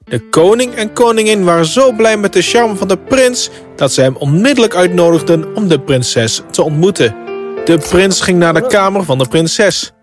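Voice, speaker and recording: A man's voice: high voice, animated, moderate pace, music in the background. A man reading a scripted fairy tale as a storybook narrator.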